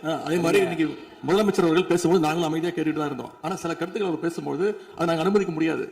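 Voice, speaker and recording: A man's voice: fairly high pitch, fairly even intonation, rapid-fire, vocal fry, a little mellow. A man, an opposition legislator, combatively challenging the chair in an assembly debate.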